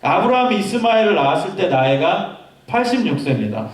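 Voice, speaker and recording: A man's voice: high-pitched, big pitch swings, a little fast. A male pastor giving a youth sermon, telling stories and asking the congregation questions. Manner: storytelling, asks the congregation questions. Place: church hall. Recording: echoey hall, voice from far off.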